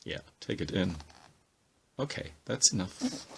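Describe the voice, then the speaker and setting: Slow gravelly-voiced man leafing through a book. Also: deep voice, very animated, fairly bright tone, a little hiss or hum. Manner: halting, many ums and uhs, thinking aloud. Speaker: comics book reviewer. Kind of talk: casual spoken book walkthrough.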